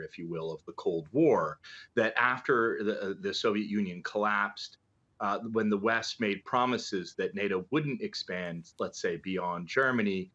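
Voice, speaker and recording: Over a dull, lo-fi remote link, a middle-aged man serving as a political analyst and journalist guest gives live news commentary. His voice sits lowish and is a bit bright. He talks conversationally and hesitantly, making his points through rhetorical questions.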